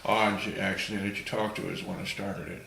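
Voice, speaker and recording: A man with a low but bright, forward voice talks in a casual interview, often halting and restarting his sentences. The room around him is echoey. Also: level tone, creaky.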